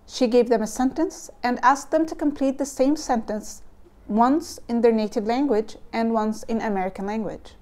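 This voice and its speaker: A young Egyptian woman with an Arabic accent chats to camera for a casual explainer vlog, her slightly high, mellow voice full of "um"s and "like"s. She comes across as nervous and thoughtful. She's indoors at home in a room with bookshelves, wearing a lapel mic with the camera close.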